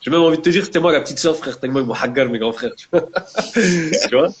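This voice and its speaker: Youngish guy w french maghrebi street accent, slightly high voice, chatting casually w slang n arabic words. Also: lively intonation, fast, noisy background. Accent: French Maghrebi urban. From France, of Maghrebi family. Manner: street slang mixed with Arabic religious terms, frequent "tu vois". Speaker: guest, book author. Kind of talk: casual discussion.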